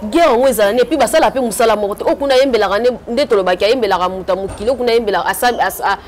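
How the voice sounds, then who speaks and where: A woman hosting a casual chat, giving soft replies and upbeat praise. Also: a little high, racing.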